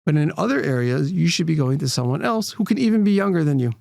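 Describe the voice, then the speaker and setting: A man's voice: fairly high pitch, expressive, fast, vocal fry, a little mellow, no echo, clean studio sound. A man, a rabbi and nonprofit leader, speaking as a guest, earnest and explanatory, often restarting his phrases. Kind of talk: interview conversation.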